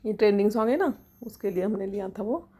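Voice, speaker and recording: A woman's voice: medium pitch, quick pace, mellow, husky. A woman in her thirties, a mother, narrating her family vlog in a homely, rambling way with fillers and restarts. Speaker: vlogger and mother. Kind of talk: casual narration over home video.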